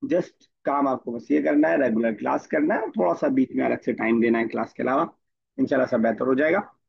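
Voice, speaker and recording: A man's voice: mid-range voice, fairly quick, creaky, husky, lo-fi sound. A man teaching an online Arabic grammar class, explaining patiently and quizzing his students by name.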